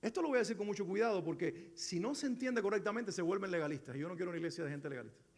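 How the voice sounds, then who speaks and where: A man's voice: sits high, lively intonation, very fast. A middle-aged male pastor preaching a sermon, earnest and exhorting, with many rhetorical questions. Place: church sanctuary. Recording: echoey church hall.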